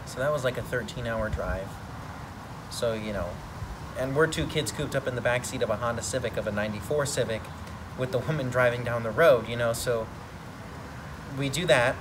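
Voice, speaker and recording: A man's voice: medium pitch, moderate pace. A man from the United States, the son of an Army veteran, telling his story in a loose, conversational way. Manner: conversational, rambling, many fillers. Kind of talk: personal storytelling interview. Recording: outdoor take with steady background noise.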